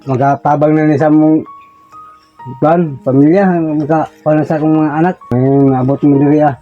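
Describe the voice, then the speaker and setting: Soft-spoken man. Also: on the high side, steady tone, normal speed. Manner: soft-spoken, short replies. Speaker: local resident receiving aid. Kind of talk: casual chat. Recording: muffled audio under loud music.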